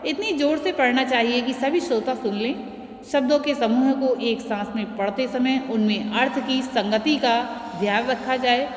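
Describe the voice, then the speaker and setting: A woman teacher giving a classroom lecture, slowly explaining and stressing example words. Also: sits high. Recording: echoey room with long reverb.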